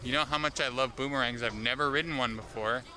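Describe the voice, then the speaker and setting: With a steady, medium-pitched voice and a quick pace, a vlog host jokes and chats while touring an amusement park. His casual narration is captured outdoors, where park music blares loudly.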